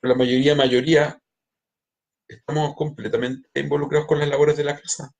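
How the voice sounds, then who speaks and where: A man's voice: fairly high pitch, level tone, a little fast, gravelly, a little mellow. A middle-aged man, a rabbi giving a spiritual lecture, who often restarts and repeats words as he speaks straight to his listeners.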